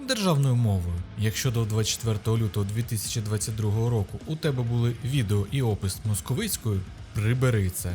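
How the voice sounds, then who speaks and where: A man's voice: fairly low pitch, fast, few pauses, over music. A man with a Ukrainian accent hosting his channel, narrating a mock guide in a sarcastic, ironic tone. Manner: mocking, ironic. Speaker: YouTube host.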